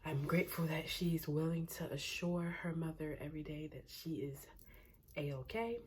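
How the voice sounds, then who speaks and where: A pregnant young adult woman rambles casually in a vlog, speaking at normal speed in a deep, darkish voice with a breathy edge. She's chatty and laughs often, a little short of breath, and at times drops to a near whisper.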